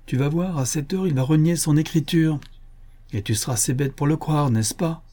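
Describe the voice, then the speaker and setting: A man's voice: medium pitch, a little slow, dark tone, close to an everyday voice. A man voicing a bitter, infirm old woman who scolds and laments, in an audiobook reading. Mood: despairing.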